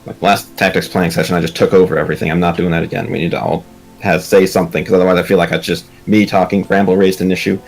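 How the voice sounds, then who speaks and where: A man talking in character during a tabletop game, earnest and halting, with frequent restarts. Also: low voice, little pitch movement, vocal fry, faint music behind. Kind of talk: in-character role-play discussion.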